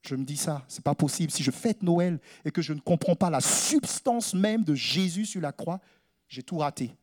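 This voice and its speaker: A man preaching a sermon, asking his congregation questions and repeating refrains. He drops to hushed low phrases, then lifts into raised, almost sung lines. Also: expressive, moderate pace.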